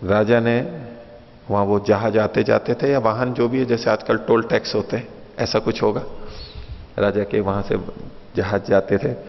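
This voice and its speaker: Male lecturer, gravelly voice, patient and repetitive, dull lo-fi hall recording. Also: fairly low pitch, fairly even intonation, normal speed. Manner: patient, repeats and rephrases points, asks listeners questions. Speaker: teacher of Mimamsa philosophy. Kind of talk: explanatory lecture with stories.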